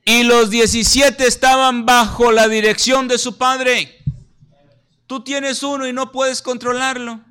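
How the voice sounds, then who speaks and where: A man's voice: very high-pitched, flat delivery, slow, sharp tone, clean tone. A man preaching a sermon, emphatic, often calling listeners "brother" and acting out little scenes. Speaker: pastor.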